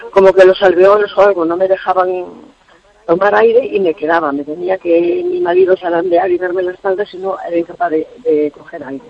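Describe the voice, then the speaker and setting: Caller on the phone, woman in her seventies, high and swooping voice with a gravelly edge, dull, dry line. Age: 70s. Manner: talks at length, pitch leaping up and down. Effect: heard over the phone. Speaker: caller to a radio health show.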